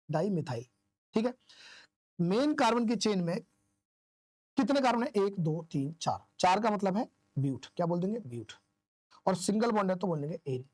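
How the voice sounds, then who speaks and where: A man's voice: high voice, darkish tone, no echo. Hindi-speaking male chemistry teacher, dry sound. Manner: asks questions and answers them himself, counts aloud. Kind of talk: classroom lecture explaining isomer naming.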